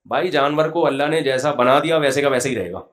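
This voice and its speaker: A man's voice: medium pitch, a bit bright. A middle-aged man giving a conversational sermon, mixing humorous anecdotes with recited Quranic verses. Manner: storytelling, humorous, quotes Quranic verses in Arabic. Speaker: Islamic scholar giving a religious talk.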